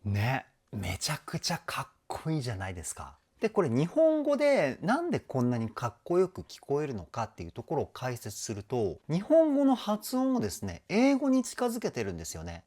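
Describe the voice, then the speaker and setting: Male vocal coach doing a song reaction and breakdown, enthusiastic and explanatory, wildly swinging pitch. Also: a little mellow. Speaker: vocal trainer.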